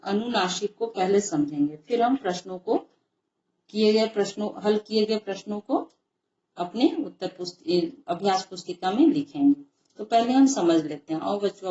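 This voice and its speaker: Slow, patient woman teaching in echoey room. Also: medium pitch, darkish tone. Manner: patient, spells out sounds and syllables slowly. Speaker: Hindi teacher. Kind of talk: classroom lesson explanation. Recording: echoey room, dull lo-fi sound.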